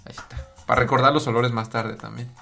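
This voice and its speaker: A man's voice: medium pitch, level tone, fast, creaky, bright, forceful tone, soft background music. A man who hosts a radio show and works in dubbing, chatting casually and asking teasing questions. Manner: teasing, asks playful questions. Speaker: radio show host, voice actor and narrator.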